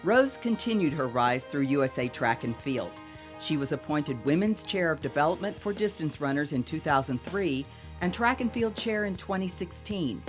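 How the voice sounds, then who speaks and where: A woman reading scripted documentary narration in a measured, even way. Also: low-pitched. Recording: music bed under narration.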